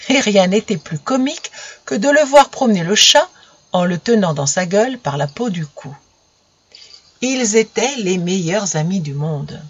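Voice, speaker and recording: A woman narrating a children's storybook gently, speaking directly to her young listeners, on a dull lo-fi recording. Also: mid-range voice, husky, no room sound. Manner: gentle, intimate address to children.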